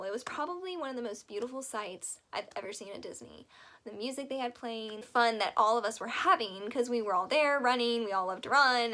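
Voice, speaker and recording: Young woman chatting on her vlog, kinda high voice, going a bit hoarse. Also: a bit bright. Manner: chatty, enthusiastic, rambling asides. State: losing her voice. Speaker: vlog host. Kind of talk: casual advice vlog.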